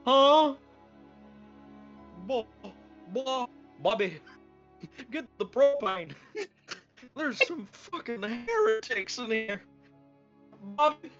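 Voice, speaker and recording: Man putting on a shrill, hollering redneck, stammering and loud, lo-fi voice call. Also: sing-song, very slow, pauses often, soft background music, full character voice. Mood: outraged. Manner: shouting, stammering. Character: loud angry redneck man hunting heretics. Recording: lo-fi online voice call.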